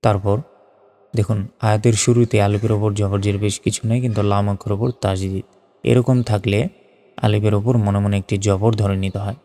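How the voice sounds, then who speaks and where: A man's voice: fairly low pitch, flat delivery, dark tone. A man teaching Quran reading, reverberant. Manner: patient, methodical, drawn-out chanted recitation of verses. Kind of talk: spelling out and reciting Arabic letter by letter.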